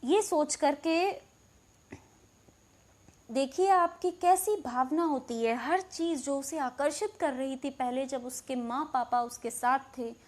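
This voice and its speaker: A woman's voice: sits high, takes it slowly. A woman English teacher with an Indian accent, reading a story line by line in English and then explaining each line in Hindi.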